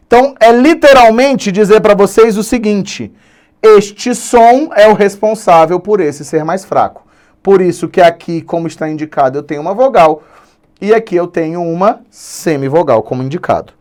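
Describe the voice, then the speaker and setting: Giving a grammar lesson over the internet, this Brazilian Portuguese teacher speaks with animation and a high voice, drawing key words out slowly for emphasis.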